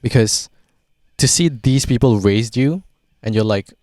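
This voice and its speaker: A man from Singapore hosts a casual podcast. His voice sits at an average pitch, and he rambles with plenty of "like" and the odd curse. The recording is dry and close. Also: unhurried, a little mellow, no room sound. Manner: rambling, swears freely, frequent "like". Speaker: podcast host.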